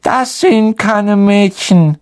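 A reader voicing a sulky, weepy teenage ghost girl in a very high, tearful, drawn-out whine. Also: a little mellow. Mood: suspicious. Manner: self-pitying, drawn-out whining. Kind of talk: audiobook reading.

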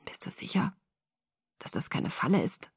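A woman voicing a tense young man who speaks in gruff, clipped and hissed lines. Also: lowish voice, animated, measured pace, a little mellow, dry recording, clean studio sound, exaggerated voice.

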